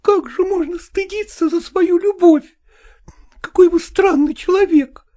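A man's voice: very high-pitched, a little slow, warm tone, voice pushed up. A man voicing a jealous, tearful woman who presses her lover with reproachful questions, reading an audiobook.

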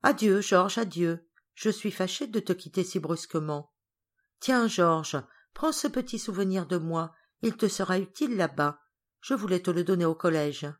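A woman voicing a gentle, sad little girl in an audiobook. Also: fairly low pitch, moderate pace, close to an everyday voice. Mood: tender.

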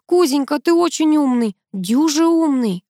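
Female narrator doing an excitable gushing woman, high and loud, dry audiobook sound. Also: unhurried, no room sound. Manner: gushing, emphatic. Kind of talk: audiobook character reading.

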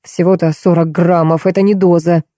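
In an audiobook, a woman voices an irritable, tipsy middle-aged man who grumbles and scorns, picking at everything in a raised, sour voice. Her natural voice sits on the low side, mellow and dark, with little pitch movement and a moderate pace. The recording is close and dry, with no room sound.

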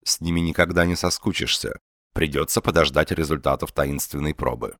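A man's voice: very deep voice, a little fast, fairly bright tone, no echo, clean studio sound. A man voicing a genial, self-assured young swindler who talks in a good-natured, persuasive way.

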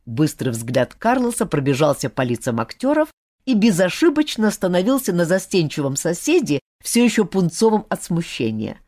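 A woman narrating a novel as an audiobook with expressive storytelling. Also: fairly low pitch, normal speed.

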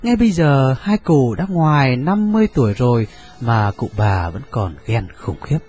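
Một người đàn ông kể truyện đọc, giọng chừng mực. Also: male voice, medium pitch, very animated, moderate pace, a little mellow, dull audio, faint music behind. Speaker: narrator. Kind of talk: audiobook narration.

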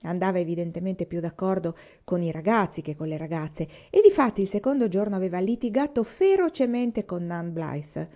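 A woman reading a novel aloud in a calm, even storytelling manner. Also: fairly low pitch, fairly quick, hardly any pauses, muffled recording. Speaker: audiobook reader.

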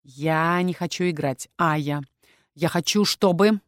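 A woman reading the lines of a possessive young dragon-shifter man in a hushed, insistent, heated tone, in an audiobook. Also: on the low side, slow, no room sound, clean studio sound. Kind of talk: audiobook character voice.

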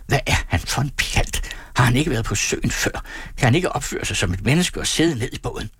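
Male narrator putting on a shrill, quarrelsome peasant wife for an audiobook, husky and very high, dry close mic. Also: expressive, fairly bright tone, no room sound. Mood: scolding. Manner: screeching, scolding. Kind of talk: audiobook character voice.

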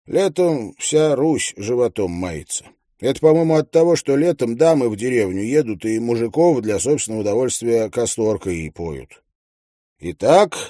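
A man's voice: medium pitch, dark tone, no echo, clean studio sound. A man narrating a satirical diary in a wry, ironic storytelling manner. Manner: wry, ironic storytelling, vivid character switches. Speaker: audiobook narrator.

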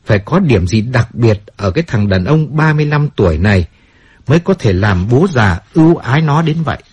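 A man reads a novel aloud in scripted audiobook narration. His voice is husky and his pitch ranges widely. He tells the story expressively. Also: animated, fairly quick, a little mellow, no echo.

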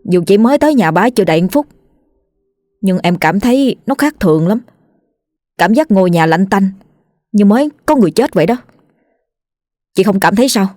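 A woman voicing a wary, level-headed village boy who talks quickly and cautiously. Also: mid-range voice, mellow, no room sound, clean studio sound, lightly acted.

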